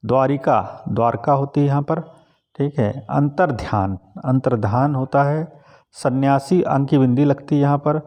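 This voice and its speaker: A man teaching an exam class on spelling correction, calmly going through each word and repeating its correct form. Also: medium pitch, normal speed. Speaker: Hindi exam tutor.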